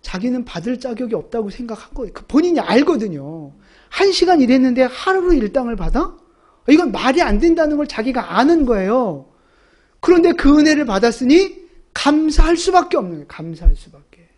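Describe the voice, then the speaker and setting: A woman's voice: sits high, very animated, a little fast, darkish tone. A woman pastor preaching a sermon, emphatic and asking the congregation rhetorical questions.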